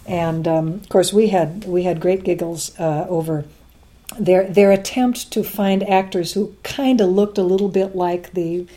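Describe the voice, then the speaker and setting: A woman's voice: lowish voice, fairly even intonation, a little slow, mellow. A middle-aged woman talking casually as an interview guest, chatty, often laughing, with many restarts and fillers. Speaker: guest, science education advocate. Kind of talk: interview conversation.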